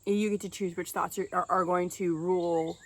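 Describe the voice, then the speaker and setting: A woman's voice: on the low side, fairly even intonation, moderate pace, a little hiss or hum. A woman speaking earnestly to camera in a casual motivational vlog, conversational and often breaking into short laughs. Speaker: self-help vlogger.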